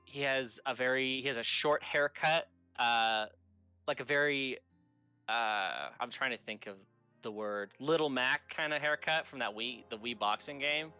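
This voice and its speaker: Bright, clear-voiced man running a game. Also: medium pitch, unhurried, dry recording, faint music behind. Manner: casual, rambling, swears freely. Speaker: game master. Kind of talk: narrating a tabletop game.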